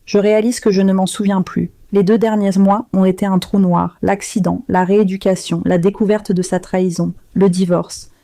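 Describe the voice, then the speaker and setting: A woman reading a first-person story aloud in a slow, measured, subdued way. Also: mid-range voice, little pitch movement, dark tone, no echo. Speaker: narrator.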